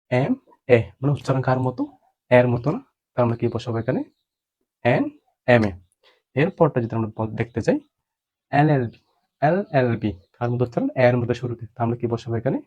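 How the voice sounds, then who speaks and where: A man's voice: mid-range voice, warm tone, highs cut off. A man teaching a grammar lesson, asking questions and answering them himself.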